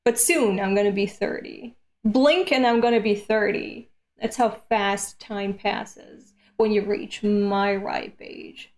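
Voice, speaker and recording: A woman's voice: medium pitch, steady tone, slow pace. A woman in her late twenties chatting casually on a live stream between comic readings, candid and self-deprecating, with casual swearing. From Europe. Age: late 20s.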